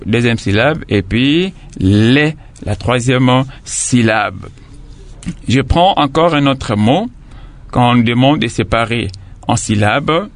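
Male teacher, unhurried and patient, breaks words into parts; middle pitch. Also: vocal fry. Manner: patient, repeats and spells out syllables slowly. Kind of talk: classroom lesson explanation.

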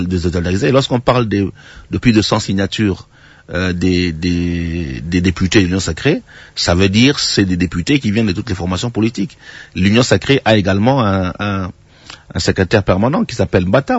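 Very deep, husky man, measured analyst. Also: dry recording. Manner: measured, hesitant, repeats words. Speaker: political analyst guest. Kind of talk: political analysis in a radio interview. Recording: dull, muffled, dry sound.

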